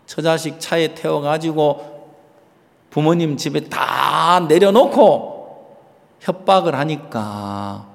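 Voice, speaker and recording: A man pastor preaching a sermon in a dramatic, emphatic way that swings between loud exclamations and whispers. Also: fairly high pitch, takes it slowly, vocal fry, big-room sound.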